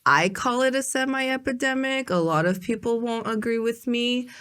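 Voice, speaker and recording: A woman's voice: a little high, moderate pace, fairly bright tone. A woman hosting a podcast, talking casually and rambling with lots of "like" and "um". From United States. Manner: rambling, heavy use of fillers like "like". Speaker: podcast host. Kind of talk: casual interview chat.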